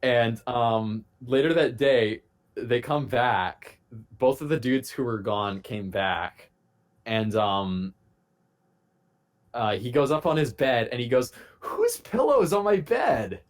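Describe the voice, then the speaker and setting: A man on a casual podcast, telling a long profane story in a rambling, animated way. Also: mid-range voice, slow pace. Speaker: podcast host.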